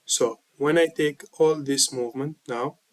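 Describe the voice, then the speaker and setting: A man's voice: medium pitch, fairly even intonation, a little slow, no room sound, low-quality recording. A man with a slightly sick voice, walking viewers through a trading chart lesson and checking in with a repeated "okay?". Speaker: trading mentor.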